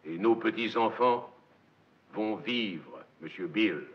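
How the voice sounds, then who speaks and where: An actor playing a domineering, messianic corporate magnate in a film monologue, with hammy, theatrical stage declamation and a gravelly voice. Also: male voice, lowish voice, slow pace. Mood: hushed, evangelical. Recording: dull, echoey film soundtrack.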